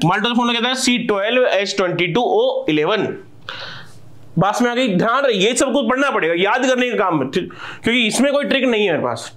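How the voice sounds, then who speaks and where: A man's voice: very high-pitched, fairly bright tone. An Indian man teaching a live chemistry class, asking questions and answering them himself, addressing students as sahab.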